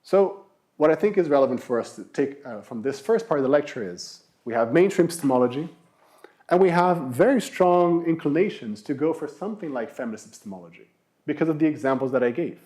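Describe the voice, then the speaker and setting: A man's voice: fairly high pitch, lively intonation, fast, mellow. A man giving a university philosophy lecture, explaining with rhetorical questions and emphatic repetition. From Brazil.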